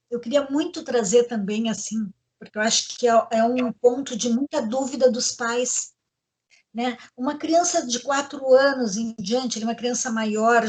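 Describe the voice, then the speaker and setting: Woman host, high voice, earnest teaching tone, panel talk. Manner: earnest, instructive, addresses the audience directly. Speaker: host, educational psychologist. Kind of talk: panel discussion on parenting.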